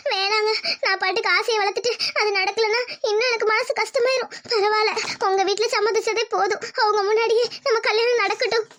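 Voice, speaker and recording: A woman's voice: extremely high pitch, level tone, a little fast, hardly any pauses, a bit bright, pitched above the performer's own voice. A woman voicing a young village bride in a cartoon, tender, pleading and emotional. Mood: tearful. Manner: pleading, emotional, calls her fiancé uncle-sweetly. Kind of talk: cartoon voice acting.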